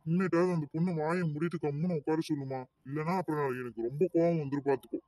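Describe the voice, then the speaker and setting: A man's voice: on the high side, steady tone, quick pace, darkish tone, dry recording, distant mic, natural voice. A man voicing a grumbling, suspicious middle-aged bus driver in a cartoon, who scolds and lectures. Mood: grudging. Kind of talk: cartoon voice acting.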